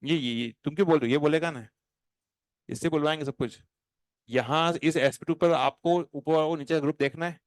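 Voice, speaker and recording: A man teaching chemistry to a class. He talks in an animated, playful way and slows right down when he dictates notes. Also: a little high. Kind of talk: classroom lecture. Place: classroom with students.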